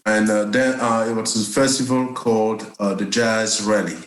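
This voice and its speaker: The guest, a Cameroonian man who plays jazz bass, talks with a lowish, steady voice at a moderate pace during a casual interview chat. His storytelling is hesitant, peppered with fillers and laughter, and the room is echoey.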